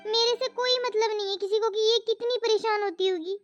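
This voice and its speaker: A fed-up housewife voiced by a woman grumbles and scolds in a very high, thin voice for a cartoon family story. The sound is muffled and lo-fi. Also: fairly even intonation, brisk, over music. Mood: grumbling. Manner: complaining, scolding, talks to herself. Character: overworked housewife and mother, exasperated, grumbling. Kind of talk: animated family story voice-over. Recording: muffled lo-fi voice track.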